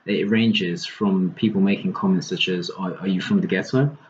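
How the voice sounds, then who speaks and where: A man calmly explaining his experiences in an interview. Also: low voice, normal speed. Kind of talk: interview testimony. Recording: slightly muffled recording with faint hiss.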